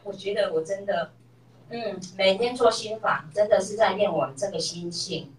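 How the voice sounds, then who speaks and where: A woman's voice: medium pitch, moderate pace. A middle-aged woman telling a personal story in a class, acting out the voices of the people in it. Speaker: class member sharing a story. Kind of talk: personal testimony. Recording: echoey room, voice from far off.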